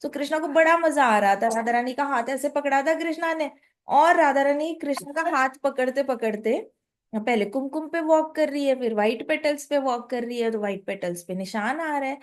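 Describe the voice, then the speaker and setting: A woman telling a devotional story expressively, pausing to explain things and mixing in English phrases. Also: high-pitched.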